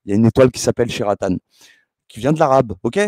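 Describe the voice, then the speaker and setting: A man's voice: mid-range voice, quick pace, darkish tone, no echo. A man hosting a rambling esoteric monologue, hesitant and often scolding, with frequent fillers. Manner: heated, scolding, lots of hesitations. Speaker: channel host.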